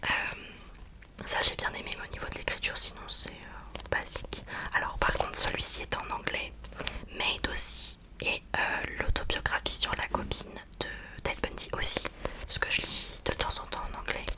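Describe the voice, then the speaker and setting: Casting: female ASMR book reviewer, hushed library whisper throughout, informal and hesitant delivery. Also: normal speed. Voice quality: soft unvoiced library-like whisper. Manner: hesitant, informal, searching for words.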